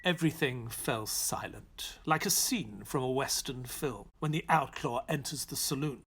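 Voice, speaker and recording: An actor playing Dr. Watson, an earnest gentleman companion narrating a detective audio drama with measured storytelling. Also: mid-range voice, a little hiss or hum. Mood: earnest, dramatic.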